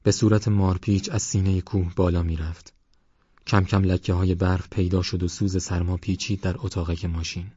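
A man calmly narrating a novel as an audiobook reader in a measured way. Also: low voice, husky, no echo, dull audio. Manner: calm, measured reading. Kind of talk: scripted narration.

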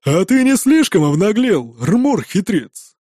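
Guy putting on a deep bass brute of a warrior, slow and scornful, mellow dark tone. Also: sing-song, dry recording, studio quality, full character voice. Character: mocking burly male warrior teacher, deep bass.

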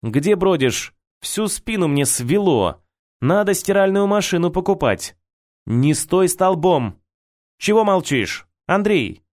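A woman's voice: lowish voice, very animated, takes it slowly, a little mellow, pitched above the performer's own voice. A man voicing a nagging, weary young wife who bosses her husband around, in a storybook reading. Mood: scolding. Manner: scolding, bossy.

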